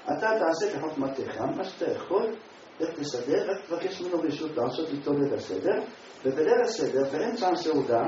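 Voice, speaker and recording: Man telling a tale, echoey and distant. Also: animated. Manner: dramatic, acts out characters with leaps in pitch and loudness. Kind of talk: animated storytelling sermon. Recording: echoey distant room mic, dull sound, faint noise.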